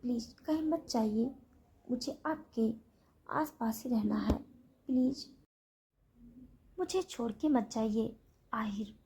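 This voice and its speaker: A clingy young woman pleads softly for her lover to stay, voiced by a woman narrator. The voice is breathy and husky with a mellow, fairly high tone. She sounds soft and imploring throughout the storybook scene. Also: slow, pauses often, heavily acted. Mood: pleading.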